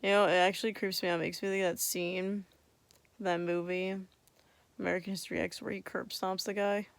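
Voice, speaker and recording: A woman's voice: on the low side, little pitch movement, a little fast, gravelly, no room sound. A young woman chatting casually and candidly after wisdom teeth removal, drowsy, with a swollen mouth and a lisp. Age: young adult. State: tired, drowsy from medication. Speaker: vlogger. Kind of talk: casual chat.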